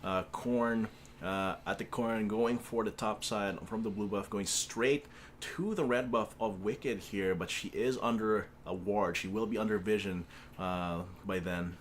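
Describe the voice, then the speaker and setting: A man's voice: on the low side, steady tone, unhurried, slight background noise. A man doing esports play-by-play, with easy laughter and lots of hesitant fillers. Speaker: esports caster. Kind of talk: play-by-play commentary.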